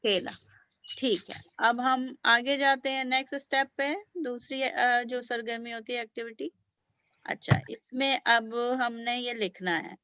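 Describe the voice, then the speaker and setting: A woman's voice: on the high side, fairly even intonation, unhurried, sharp tone, dry recording, lo-fi sound. A woman teaching beginner language to children, patiently sounding out letters and praising often. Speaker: Urdu teacher.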